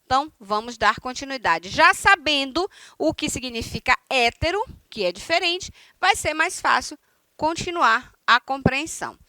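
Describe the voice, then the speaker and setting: A woman's voice: high-pitched, expressive, normal speed, bright, forceful tone, dry recording. A woman from Brazil teaching a recorded online lesson, explaining step by step and often checking in with her students. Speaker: Spanish teacher.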